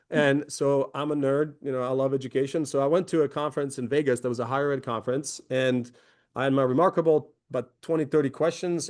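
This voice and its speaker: Speaking at a webinar, this man in his forties runs a company and comes from Croatia. His presentation is conversational, dotted with fillers and restarts, in a darkish mid-range voice.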